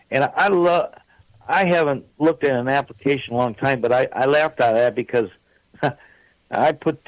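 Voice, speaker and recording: Poor audio with no echo captures a mid-range voice belonging to a man in his sixties who's phoned in to a radio show. His call-in chat is casual and rambling, a string of long stories crowded with fillers.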